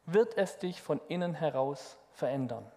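Brief: preacher reading a patient old grandpa, gentle, high-ish voice, long hall echo. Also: male voice, normal speed. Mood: calm. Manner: calm, gentle storytelling.

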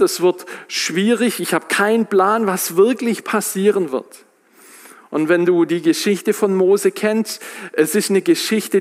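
A man preaching a sermon, retelling scripture in lively everyday speech and acting out the quotes. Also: high voice, long reverb tail.

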